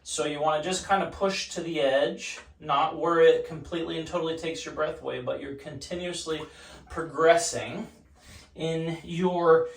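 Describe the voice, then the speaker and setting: A man's voice: fairly high pitch, steady tone, normal speed, vocal fry, far from the mic. Echoey man talking from an ice cold bath. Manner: speaking while sitting in ice cold water. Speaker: vlogger demonstrating ice baths. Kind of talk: casual instructional talk to camera. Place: home bathtub in a bathroom. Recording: echoey bathroom, off-mic, water noise.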